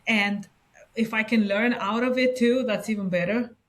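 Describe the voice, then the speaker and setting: A woman's voice: a little high, steady tone, moderate pace. Laughing, chatty woman from Romania. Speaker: podcast host. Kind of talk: casual video-call chat. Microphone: video call.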